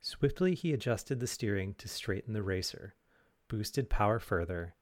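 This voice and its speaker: Soothing low-voiced mock meditation narrator. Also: male voice, lively intonation, moderate pace, no room sound, clean studio sound. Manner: soft, soothing, mock-serious delivery. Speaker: podcast host and narrator. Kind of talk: parody guided-meditation ASMR narration.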